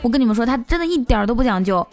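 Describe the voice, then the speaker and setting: A woman's voice: a little high, expressive, racing, darkish tone, faint music behind. A woman hosting a playful comic monologue with teasing jokes. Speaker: host.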